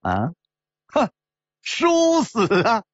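A man's voice: mid-range voice, huge pitch swings, unhurried, slightly rough, dry recording, highs cut off, heavily acted. Lu Xiaofeng, a man playing a cocky laughing swordsman. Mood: cocky, reckless. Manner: loud, laughing, devil-may-care. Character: brash, cocky young male swordsman gambler. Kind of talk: storyteller acting out dialogue.

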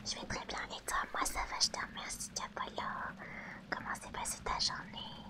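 A woman whispering softly to her audience in ASMR style, reading out chat names and answering them gently. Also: normal speed. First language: French.

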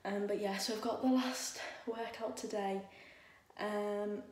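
A woman's voice: medium pitch, steady tone, a little slow. A young woman vlogging casually from her bedroom, rambling with lots of "like" and "um". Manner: chatty, rambling, many fillers like "like" and "um". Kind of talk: casual vlog chat. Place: bedroom at home. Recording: echoey room, faint noise.

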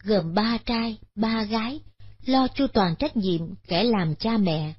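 A woman's voice: medium pitch, slow, breathy edge. Woman narrating a solemn moral tale. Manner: steady, solemn storytelling. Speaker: storyteller. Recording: dull lo-fi audio.

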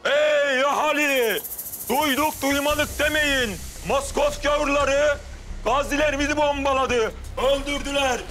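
An actor playing an agitated town crier, proclaiming loudly in drawn-out declamation to rouse a crowd in a period drama. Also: male voice, very high voice, steady tone, slight background noise, exaggerated voice. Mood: solemn alarm. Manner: loud, drawn-out, declamatory shouting. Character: agitated male street crier rousing a crowd. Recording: loud music behind.

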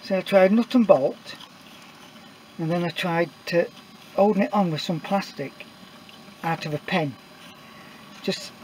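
Filming his hands from off-camera with the camera's own mic, a middle-aged man walks through something he built himself in his workshop. He talks in a plain, rambling way, full of uhs and false starts, in a high, slightly mellow voice; the rough recording carries a little hiss or hum.

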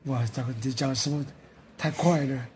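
Husky old man, hesitant short answers. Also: medium pitch, fairly even intonation, moderate pace, a little mellow. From Central Java, Indonesia. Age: 80s. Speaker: nursing home resident. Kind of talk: casual chat.

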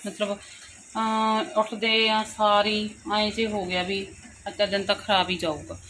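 A woman's voice: medium pitch, little pitch movement, a little slow, a bit bright, soft background music. A young woman chats informally as she narrates a casual home vlog about everyday life. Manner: chatty, informal, explaining everyday chores. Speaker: family vlogger, mother. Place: at home, household noise behind. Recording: noisy home phone recording.

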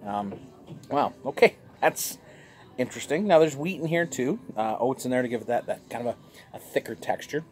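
On a sunny patio, a cheerful, talkative man reviews a beer for his vlog, his gestures lively. His mid-range voice moves at a moderate pace over soft background music, captured by a fixed camera set across the table.

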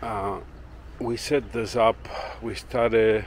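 Here the woodworking channel owner shows off his garden outside before heading into his workshop, holding the camera as he goes. He speaks slowly in a lowish voice, rambling and relaxed with lots of fillers. A little hiss or hum runs through the audio.

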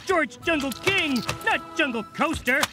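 A man voicing a friendly, dim-witted, excitable cartoon jungle king who speaks broken English and names himself. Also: extremely high pitch, unhurried. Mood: frantic, defiant. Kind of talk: exaggerated cartoon voice acting. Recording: loud music underneath.

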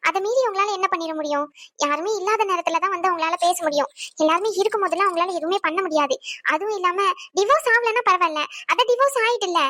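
A woman voicing a young pregnant wife in a cartoon family drama, calmly pleading and reasoning. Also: very high voice, no room sound. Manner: pleading and persuading.

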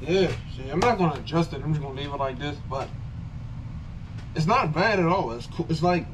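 A man speaking muffled through a gas mask, his voice picked up from a distance. He talks in a relaxed, rambling way and repeats himself often. Steady noise runs behind him. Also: a little high, a little fast. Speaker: vlogger reviewing gear. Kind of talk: casual product demo. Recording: distant mic with clear background noise.

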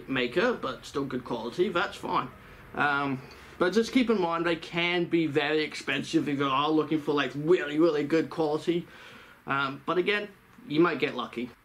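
A fursuit vlogger with a slightly high, fairly bright voice gives casual tips to the camera through his costume head. He talks in a chatty, rambling way and often corrects himself.

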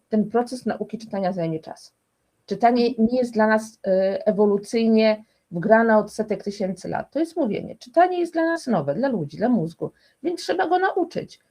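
A woman's voice: medium pitch, animated, normal speed, dark tone. A woman speaking as a guest expert in a conversational interview, explaining emphatically and restarting often.

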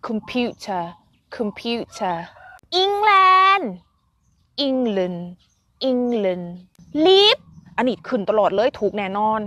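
A young woman with an Isan accent giving a playful, teasing pronunciation lesson and repeating words slowly. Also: on the high side, very animated, darkish tone. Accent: Isan (Northeastern Thai). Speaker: pronunciation teacher.

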